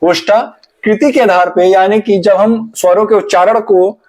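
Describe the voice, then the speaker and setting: A man's voice: high voice, steady tone, a little slow, darkish tone. A man teaching an exam-prep grammar lesson, asking questions and answering them himself while repeating each key term. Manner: addresses viewers as friends.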